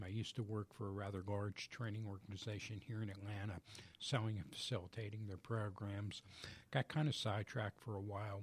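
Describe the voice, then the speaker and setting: A man guest on a business radio show in a studio, explaining his coaching work in a measured, methodical way. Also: on the low side. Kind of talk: radio interview answers.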